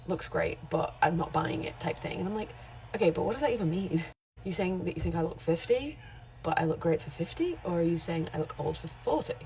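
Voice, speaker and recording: Her voice is fairly low, creaky and mellow, and the audio quality is poor. She's a makeup artist and content creator in her 40s, chatting candidly and rambling somewhat in a casual straight-to-camera vlog.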